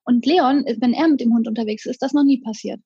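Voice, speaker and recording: A woman with a high voice talks casually, acting out both sides of an argument with animated energy. The sound is dry and a little dull. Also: quick pace, slightly rough, no echo. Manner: animated retelling, acting out a quarrel. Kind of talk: casual chat, storytelling.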